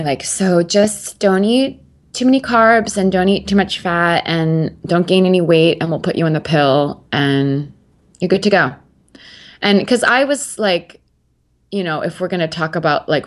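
A low-pitched woman in her twenties speaks candidly as an interview guest, chatty and rambling, with plenty of fillers and restarts.

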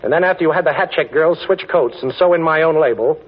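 On a dull old recording, a male actor plays a quick-witted, confident amateur detective in a 1940s radio drama, breezy, cool and wry. His voice is a little high and husky.

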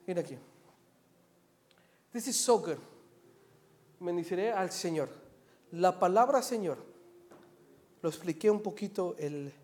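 A male pastor preaching a sermon in church, moving from quiet asides to loud, animated emphasis. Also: high voice. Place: church service with slides.

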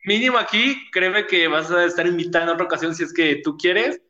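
A man's voice: high voice, fairly quick, lo-fi sound, noisy background. A young man with a Mexico City accent hosting a casual podcast, slangy and laughing often. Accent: Mexico City Spanish. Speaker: podcast host.

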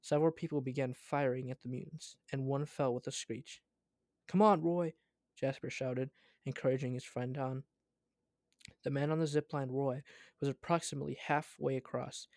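Man, story reading, stumbles and self-corrects, mid-pitched voice, dry close sound. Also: dark tone, no room sound.

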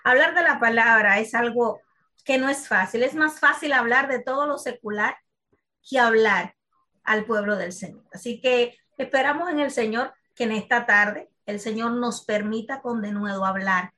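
A woman's voice: on the high side, normal speed, bright, forceful tone. A woman guest Bible teacher joining a live program by video call, speaking formally and humbly and admitting she is nervous. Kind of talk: greeting on a live online program.

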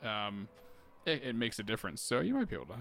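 A man's voice: fairly low pitch, wildly swooping pitch, quick pace, a crowd in the background. A man hosting a casual podcast, encouraging and easygoing, laughing often and swearing casually. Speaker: podcast host.

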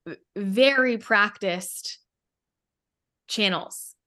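A woman's voice: mid-range voice, very slow, pushed and bright. A woman in a casual spiritual podcast conversation, telling a long story in a rambling way with many restarts.

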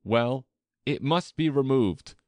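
A man's voice: mid-range voice, big pitch swings, measured pace, no echo, pitched above the performer's own voice. A man voicing a nervous, fussy old king in a storybook, with a peevish manner.

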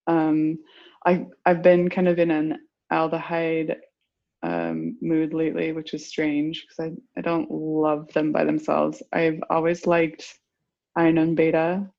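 A woman's voice: low-pitched, takes it slowly, gravelly, highs cut off. A woman in her forties, a perfumer being interviewed, talking casually and rambling with lots of filler words. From United States. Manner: rambling, full of "like" and "you know". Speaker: perfumer guest.

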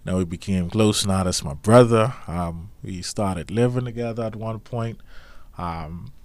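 A man co-hosting a casual podcast, talking informally and slangily in a halting, thinking-aloud way. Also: fairly low pitch, a little mellow, no room sound. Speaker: podcast co-host. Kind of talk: casual chat.

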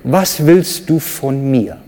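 A man with a German accent preaching a sermon, animated, with sudden loud high bursts when he acts out cries and quotes. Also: takes it slowly. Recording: reverberant hall.

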